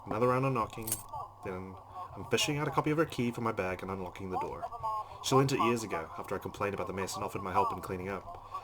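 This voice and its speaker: This man, hosting a let's play, voices visual novel narration with side comments over loud background noise. He talks fast, his voice on the low side.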